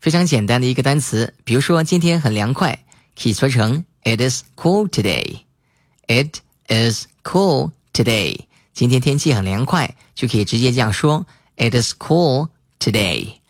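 A man teaching English vocabulary, spelling words letter by letter and repeating example sentences slowly. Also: medium pitch, animated, no room sound, clean studio sound. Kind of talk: spoken English lesson.

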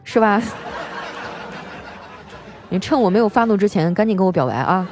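A woman's voice: mid-range voice, animated, moderate pace, a little mellow, faint music behind. A woman radio host reading out listener jokes in a playful, teasing way and laughing often.

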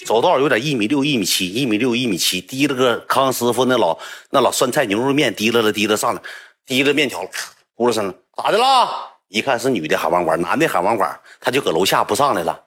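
A man with a Northeastern Mandarin accent telling a story casually to livestream viewers, chatty and animated. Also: medium pitch, quick pace, husky.

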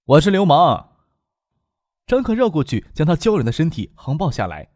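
A male narrator tells a novel with expressive storytelling, his intonation rising and falling in a lively way. The recording is dry and close, with no room sound. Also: on the high side, fast talker, no echo. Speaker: audiobook narrator.

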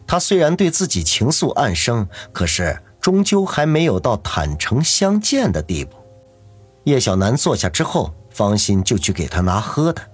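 A man reads a novel aloud as its narrator, his voice low and very husky. He tells the story steadily, with a lively rise and fall, over faint background music. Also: normal speed. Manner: steady storytelling, doing every character. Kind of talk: audiobook narration.

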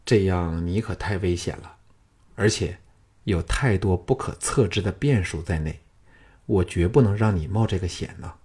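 A male narrator voicing a calm young male hero who speaks softly and reassuringly. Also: lowish voice, fairly quick, slightly rough. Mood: gentle.

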